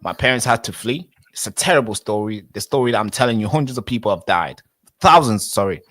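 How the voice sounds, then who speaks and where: A man's voice: lowish voice, animated, fast, a bit bright, dry recording. A man in his twenties, born in Tanzania, arguing insistently in a heated street debate and cutting in to hold the floor. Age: 20s. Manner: insistent, interrupts with repeated "wait, wait". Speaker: interviewee.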